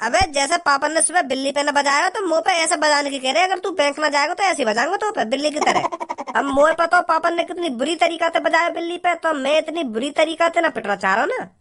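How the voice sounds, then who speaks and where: A performer doing Bhajji, a squeaky cartoon bumpkin. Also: fast, fairly bright tone. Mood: grumbling. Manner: rambling, naive, stammering. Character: silly simple-minded village young man. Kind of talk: cartoon comedy voice acting.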